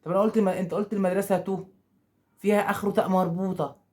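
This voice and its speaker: A man's voice: high voice, little pitch movement, very fast, a little mellow. A man with an Egyptian Arabic accent teaching grammar to school pupils. He keeps asking questions, answers them himself, and acts out the pupils' objections.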